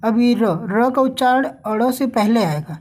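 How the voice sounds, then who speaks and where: Pitched on the high side, her voice has lively intonation and a darkish tone. She runs a spelling lesson for learners, stretching out every letter of the names and quizzing the viewer as she goes.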